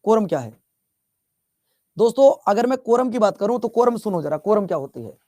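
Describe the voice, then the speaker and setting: A man's voice: high voice, big pitch swings, a little fast, mellow, no echo, studio quality. A male teacher from Bihar giving a chatty classroom lecture, repeating his questions and teasing students as he scolds them. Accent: Bihar Hindi.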